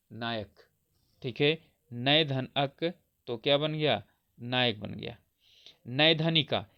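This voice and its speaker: A male teacher giving an exam-prep grammar lesson, explaining step by step and asking questions that he answers himself, each answer dropping lower and softer. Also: clear, resonant tone, dull audio.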